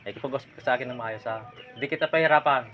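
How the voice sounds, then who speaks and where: A man's voice: mid-range voice, quick pace, fairly bright tone, soft background music. A man working as a folk healer, firmly and insistently questioning a spirit during a healing ritual. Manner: commanding, insistent, repeatedly prodding with "ha?".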